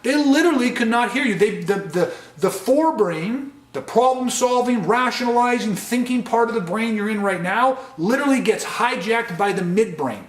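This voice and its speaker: A man's voice: very high voice, expressive, moderate pace, hardly any pauses, roomy sound. A man teaching a de-escalation training session, speaking earnestly and stressing key points. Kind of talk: training lecture.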